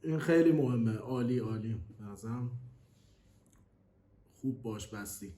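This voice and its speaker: A man's voice: mid-range voice, warm tone, echoey room. A man in casual chat who gives short, supportive replies and agrees with the storyteller. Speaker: listener in a conversation.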